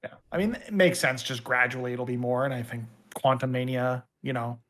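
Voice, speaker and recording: A man co-hosts a podcast with a chatty, enthusiastic way of telling stories. He speaks at an everyday pitch in a relaxed, casual chat. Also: brisk. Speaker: podcast co-host.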